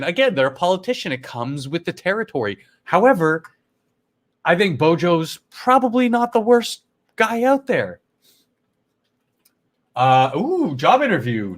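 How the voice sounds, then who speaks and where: A man's voice: high voice, a bit bright. A middle-aged man from Canada co-hosting a live stream, chatting casually about the news, swearing and laughing as he goes. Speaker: livestream co-host. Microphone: earphones on a home streaming setup.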